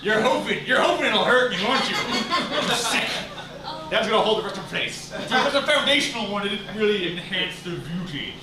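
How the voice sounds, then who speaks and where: A man's voice: high-pitched, expressive, distant mic. A man playing a vain, preening pretty boy in boastful, theatrical live character comedy, recorded in an echoey, noisy room. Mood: manic, boastful. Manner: boastful, drawn-out theatrical delivery. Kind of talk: absurd live character comedy with crowd work.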